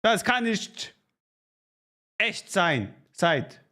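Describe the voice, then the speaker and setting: Guy streaming a strategy game, slow halting talk, keeps correcting himself, jokey with chat. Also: high-pitched, big pitch swings, bright, forceful tone. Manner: halting learner's German with self-corrections; joking, chatting to viewers and thanking subscribers. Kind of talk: casual live-stream gaming chat.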